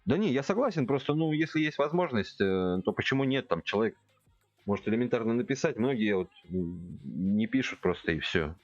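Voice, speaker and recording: A man's voice: medium pitch, lively intonation, a little fast, dry recording, highs cut off, faint music behind. A man in his forties chatting casually with viewers as he plays, thinking aloud and speaking to his chat directly. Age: 40s. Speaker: game streamer. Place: home room at a computer.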